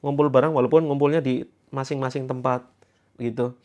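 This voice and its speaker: A man's voice: mid-range voice, fairly even intonation, fairly quick, muffled recording. A man coaching viewers on a live stream in a chatty way, laughing often and reading out their comments. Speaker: online self-help and therapy coach. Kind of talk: casual live-stream talk.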